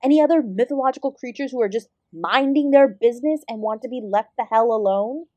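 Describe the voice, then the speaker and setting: A woman voices an ancient celestial apsara dance guru in a scripted audio roleplay aimed at the listener, sarcastic, exasperated and fiercely independent, with sardonic, sweary emphasis. Her voice is a little high, a little fast and a little mellow, lightly acted, and the recording is dry and dull.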